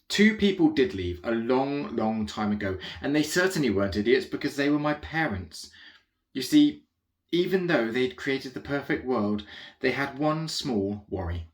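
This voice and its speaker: The narrator, a medium-pitched man in an echoey room, lightly acts out a first-person comic children's audiobook. He voices a naive young alien royal who is chatty, rambling, easily distracted, and full of asides where he corrects himself.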